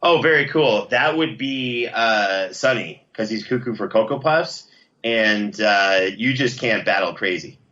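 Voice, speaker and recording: On a dull-sounding recording, a man who produces podcasts sits in as an interview guest, joking around and chatting loosely as he thinks aloud. His voice runs lowish, unhurried and pushed bright, with lively intonation.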